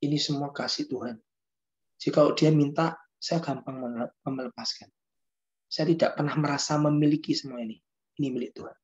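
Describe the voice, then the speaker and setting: A man's voice: fairly high pitch, steady tone, a little fast, a little mellow, highs cut off, lightly acted. A man quoting a humble, tearful male businessman who gives away his offerings, speaking earnestly.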